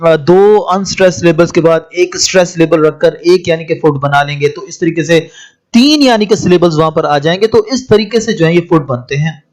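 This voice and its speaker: A man teaching a lesson, reading English lines slowly and then explaining them, politely addressing listeners as "janab". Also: a little high. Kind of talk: lecture on poetry.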